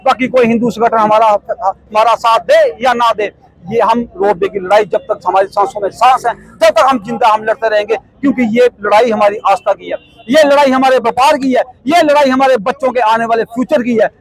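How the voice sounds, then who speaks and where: A man's voice: extremely high pitch, fairly quick, poor audio. A middle-aged man, a protest committee member, giving an impassioned statement full of repeated rhetorical questions.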